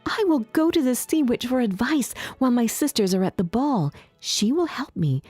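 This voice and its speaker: A woman voicing a young mermaid princess in a high, pleading, timid voice. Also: expressive, normal speed, darkish tone, slightly rough, no echo, soft background music. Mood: hopeful.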